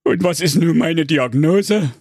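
A man's voice: high voice, very animated, no room sound, studio quality, voice pushed up. A man doing a whiny, sobbing wolf. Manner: slow, whining and tearful.

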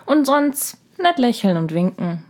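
A woman's voice: a little high, very animated, measured pace, a little mellow. A young woman co-hosting a podcast, earnestly and emphatically retelling her own experiences. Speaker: podcast co-host. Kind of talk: casual chat.

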